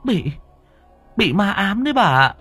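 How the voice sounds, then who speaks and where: A timid old cook woman, stammering and shaky, a little higher than a plain man's voice, as a narrator puts her on. The tone stays husky and lively. Faint music sits behind. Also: fast, heavily acted. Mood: fearful.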